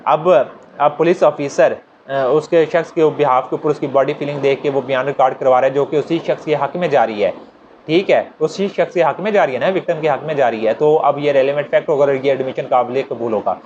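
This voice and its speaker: A man with a Pakistani accent gives an informal, conversational law lecture, repeating his points and working through examples. His voice is medium-pitched and darkish, a little fast, on a dull lo-fi recording with noticeable noise.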